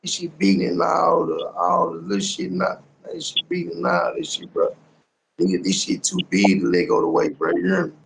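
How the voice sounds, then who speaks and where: A young American rapper with a very gravelly, crackling, slightly high voice is being interviewed on a phone video call from a small indoor room, the phone held at arm's length. He speaks at a moderate pace in casual, slang-heavy street talk, repeating phrases emphatically and tacking questions onto the ends of his sentences.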